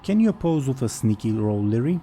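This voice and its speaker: A man narrating a tabletop role-playing game as game master, in a casual, halting, improvised way. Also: mid-range voice, big pitch swings, dark tone, a little hiss or hum.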